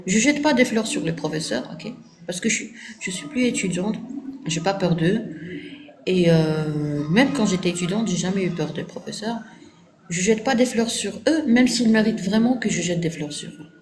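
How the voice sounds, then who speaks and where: Speaking at a moderate pace in a mid-range voice, this Moroccan woman uses French colored by an Arabic accent, since Arabic is her first language. She fields viewer questions in a firm, teacherly way during a casual live stream, often asking "ok?" to confirm agreement, while the background is noisy.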